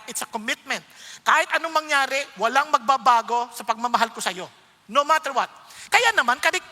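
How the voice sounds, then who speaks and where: Filipino man, preacher, sermon, high-pitched, crisp bright tone, echoing hall. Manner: mixes Tagalog and English, swings between quiet and emphatic.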